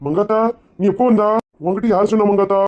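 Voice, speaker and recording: Fast-talking sheepish man. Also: sits high, fairly even intonation, a little mellow, lo-fi sound. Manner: sheepish, wheedling, rattles off excuses. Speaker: husband in comedy skit. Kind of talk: comedy skit acting.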